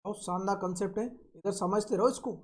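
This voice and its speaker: A man's voice: high voice, fairly even intonation, darkish tone. A man teaching engineering in a recorded online lecture, drawing out and repeating key phrases and asking and answering his own questions. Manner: slow, drawn-out repetition of key phrases. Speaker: engineering tutor.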